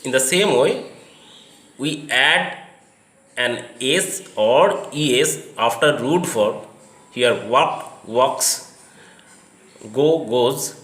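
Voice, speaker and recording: Man, English teacher, very slow deliberate delivery, roomy echo. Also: mid-range voice, fairly bright tone. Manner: slow, deliberate, explains step by step. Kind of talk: slow spoken English lesson.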